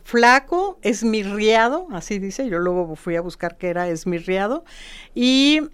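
A woman, talking casually as she explains history to a host. Her voice is smooth and clear at a middle pitch, and she tells her points as lively little stories, checking in with a quick "no?" as she goes. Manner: lively storytelling with repeated "¿no?" tags.

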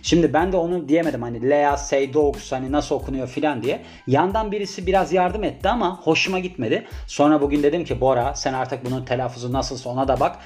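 Chatty young man over soft music. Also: fairly high pitch. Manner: rambling, self-talking, jokey asides. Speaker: vlogger presenting a celebrity biography. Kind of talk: casual chatty monologue.

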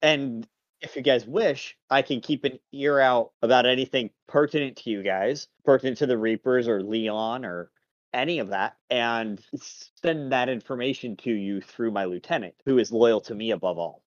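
A man voicing a shrewd male captive spy in a tabletop role-play game, answering questions in a measured, matter-of-fact way. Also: mid-range voice, dry recording, close to an everyday voice. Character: shrewd male captive spy, calm and loyal to his lord. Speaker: game master. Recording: dull, dry lo-fi mic.

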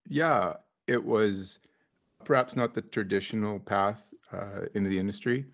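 A man with a lowish voice tells his story at an easy pace, wry and loose, with plenty of fillers. The audio is dull and lo-fi, like a remote call. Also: unhurried. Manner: relaxed and wry, with frequent fillers. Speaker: guest geologist consultant. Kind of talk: casual interview storytelling.

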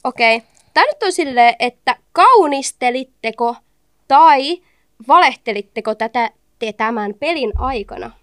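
Giggly high-voiced Finnish woman. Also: lively intonation, a bit bright, clean tone, no room sound, studio quality. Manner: playful, teasing, giggly. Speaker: podcast guest. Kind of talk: casual chat.

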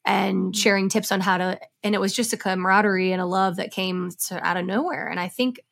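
A woman's voice: medium pitch, fairly even intonation, a little fast, gravelly, a bit bright. A woman guest on a podcast, speaking candidly and with passion, swearing freely as she talks. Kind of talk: casual interview chat.

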